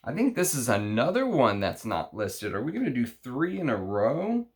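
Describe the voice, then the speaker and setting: A man with a Texas accent chatting unscripted through an unboxing, halting and thinking aloud as he reads out names. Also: medium pitch, wildly swooping pitch. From Texas, United States. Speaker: fragrance review show host. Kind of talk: unscripted unboxing chat, reading out names and notes.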